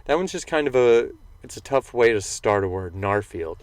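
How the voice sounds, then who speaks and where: A man's voice: mid-range voice, expressive, a little fast, dry recording. A young man co-hosting a podcast in casual, joking chat, swearing freely. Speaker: podcast co-host.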